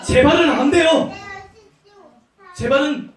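A man's voice: takes it slowly, some chatter behind. A man voicing the disciple Peter as flustered and pleading, raising his voice in protest. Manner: pleading, higher and urgent. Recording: echoey room from far off.

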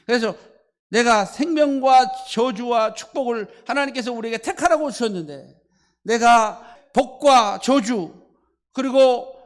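A male pastor preaching a sermon, telling the story with animated acting and having the congregation repeat lines after him. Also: very high voice, long reverb tail. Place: church sanctuary.

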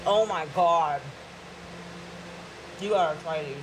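A woman's voice: on the low side, takes it slowly, background noise. A woman vlogger talking while chewing, gushing with enthusiasm in a casual taste-test at home. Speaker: food vlogger.

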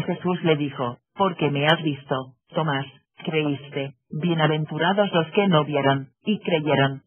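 Husky synthetic male voice reading verses. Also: a little high. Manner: reads punctuation marks and symbols aloud mechanically. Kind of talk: synthetic reading of Bible quotations. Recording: narrow phone-like sound.

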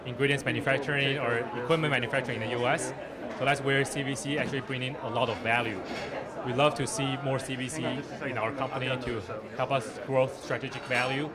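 A man's voice: steady tone, quick pace. A man in his thirties, a startup founder, explaining his product with a handheld mic in a busy conference hall. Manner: explanatory pitch, non-native grammar. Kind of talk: product demo interview. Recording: loud crowd chatter behind.

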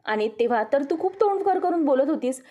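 A woman's voice: high voice, lively intonation, brisk, dark tone. A woman voicing an angry grandmother who scolds her daughter-in-law in a stern, accusing tone. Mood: angry scolding.

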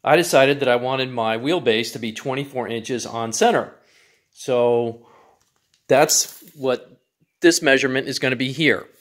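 A man's voice: medium pitch, a little slow, fairly bright tone. Methodical man explaining a DIY build. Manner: plain, methodical explaining with measurements. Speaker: DIY channel host. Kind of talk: step-by-step build tutorial.

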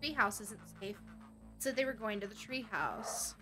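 A woman's voice: medium pitch, lively intonation, measured pace, music in the background. A woman streaming a game live, chatting and reacting aloud as she plays and reads lines. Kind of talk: live gameplay commentary.

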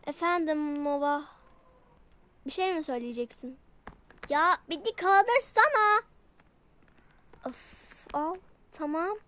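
Bright high-voiced woman voicing toy pets. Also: takes it slowly, long pauses, a little hiss or hum. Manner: switches between playful character voices. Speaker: toy video creator. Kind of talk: toy role-play voicing many pets.

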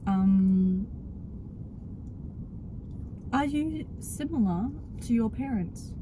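A woman's voice: fairly high pitch, lively intonation, extremely slow, pauses often, dark tone, a little hiss or hum, poor audio. Teasing young Australian woman asking questions. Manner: teasing, playful, asks the questions. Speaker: teacher and co-host. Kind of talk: casual chat.

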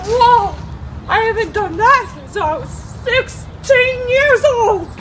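A woman's voice: very high voice, expressive, takes it slowly, a crowd in the background, noisy background, exaggerated voice. A woman voicing a cranky old woman chasing a recipe thief, out of breath and exclaiming theatrically outdoors. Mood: huffing.

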